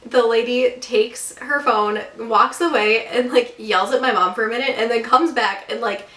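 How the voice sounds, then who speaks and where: Young woman vlogging, rambly chatty storytime, kinda high voice, camera mic a bit far off. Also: moderate pace, a bit bright. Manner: chatty, many fillers like "like" and "um". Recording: roomy echo, camera mic at a distance.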